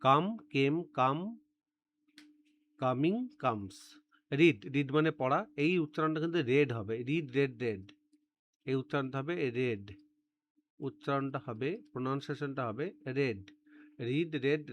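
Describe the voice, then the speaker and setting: A man's voice: mid-range voice, moderate pace, a bit bright, a little hiss or hum. A male teacher giving a step-by-step grammar lesson, repeating words and spellings so students can drill them. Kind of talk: classroom-style grammar lesson.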